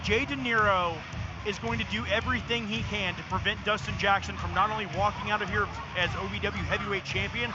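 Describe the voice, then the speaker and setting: A man calling live wrestling as play-by-play commentator in an excitable, emphatic way. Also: high voice, a little fast. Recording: dull lo-fi broadcast with loud music.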